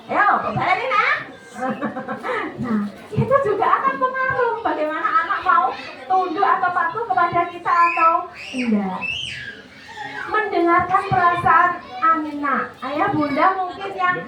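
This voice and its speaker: A woman with a Javanese accent giving a chatty, animated parenting talk to parents, dropping into Javanese phrases. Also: extremely high pitch. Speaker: parenting seminar speaker. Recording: echoey hall, distant mic, noisy.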